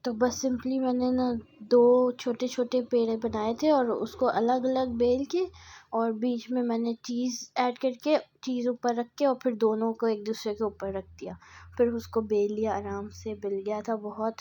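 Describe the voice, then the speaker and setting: A woman's voice: a little high, warm tone. A young adult woman chatting through a casual vlog voice-over, rambling and correcting herself as she goes. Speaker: vlogger.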